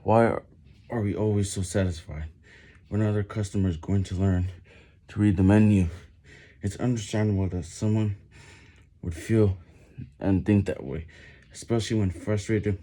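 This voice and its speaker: A man's voice: low voice, steady tone, moderate pace, long pauses, mellow. A man reading a book aloud while doing push-ups, stumbling over and repeating words under the physical effort. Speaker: vlogger reading on camera.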